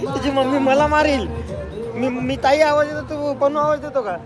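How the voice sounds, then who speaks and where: A woman's voice: high voice, fairly even intonation, moderate pace. A woman filming a casual family vlog, laughing often as she coaxes a small child. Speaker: vlogger. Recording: loud music and crowd noise. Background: loud music and a crowd.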